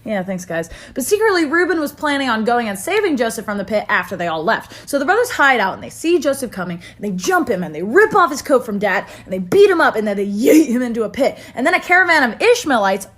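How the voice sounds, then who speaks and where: A woman's voice: fairly high pitch, very animated, fast, hardly any pauses, fairly bright tone. A young woman telling comedic retellings in slangy, playful narration. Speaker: storyteller. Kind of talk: comedic scripted storytelling with voices.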